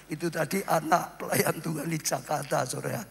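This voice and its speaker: A man's voice: a little high, fairly even intonation, brisk, gravelly, big-room sound, slight background noise. A male pastor exhorting the congregation, addressing them again and again as brothers and sisters. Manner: exhorting congregation, repeated "saudara". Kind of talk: sermon.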